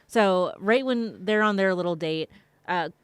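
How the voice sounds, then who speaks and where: A woman's voice: on the low side, unhurried, smooth, no room sound. A woman co-hosting a podcast in casual chat, talking freely and laughing between sentences. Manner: chatty, laughs while talking. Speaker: podcast co-host.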